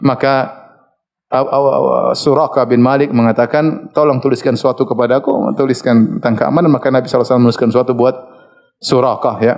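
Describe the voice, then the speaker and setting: A man giving an Islamic study lecture. He tells the story in a lively way, chuckling often and stopping to search for words. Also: medium pitch, fast talker, creaky. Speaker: Islamic preacher.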